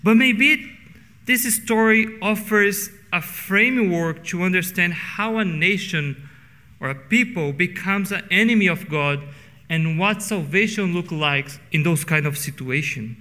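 A middle-aged Brazilian pastor delivers a sermon in English with a Portuguese accent, earnestly slowing down and stretching key words for weight. His bright voice sits a little high for a man, and it rings with the long reverb of the church sanctuary.

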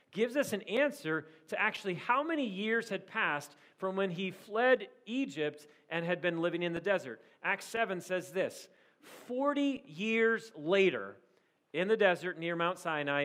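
An earnest man in his forties delivers a sermon. His voice sits high for a man, and he drives home points by repeating key phrases with rising emphasis. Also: fairly bright tone. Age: 40s. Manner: earnest, rises to emphatic repetition. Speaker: pastor.

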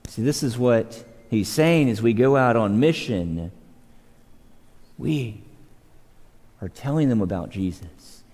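A man's voice: mid-range voice, a little mellow. A man preaching a sermon as pastor, earnest and emphatic, repeating words as he builds a point and letting his voice rise and fall. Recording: long reverb of a church hall.

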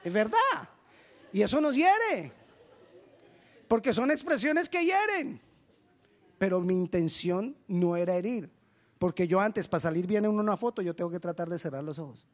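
A male pastor preaching a lively sermon, acting out little dialogues with humor. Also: sits high, normal speed, long pauses.

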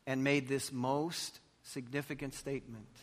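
This preacher's medium-pitched voice stays level and keeps a measured pace as he delivers an emphatic sermon and prayer, leaning on brief repeated phrases and rhetorical questions. He is recorded in a large, echoing church hall with music behind him.

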